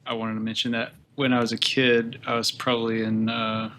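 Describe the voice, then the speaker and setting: A man from Louisiana hosting a casual game-development interview podcast, relaxed and rambling, laughing easily. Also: mid-range voice, fairly quick, a little hiss or hum. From Louisiana, USA. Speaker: podcast host.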